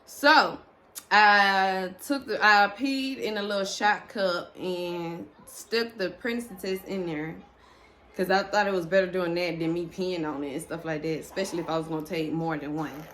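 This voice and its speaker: A woman's voice: lowish voice, normal speed. A young woman, casually telling a personal story to her viewers, chatty and full of fillers. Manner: chatty, animated, lots of fillers and restarts.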